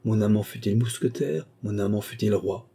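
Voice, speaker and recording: A man's voice: fairly low pitch, moderate pace, gravelly, dark tone, breathy edge. A man voicing a proud, witty young royal mistress in an audiobook, sulky and mock-indignant. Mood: coaxing. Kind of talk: audiobook character reading.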